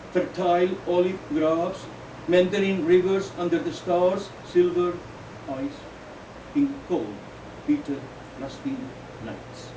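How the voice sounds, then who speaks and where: At a live indoor poetry reading, a high-voiced man declaims his own poems deliberately in halting phrases, breaking off now and then for casual asides. Recorded from off, the sound is distant, roomy, dull, and noisy.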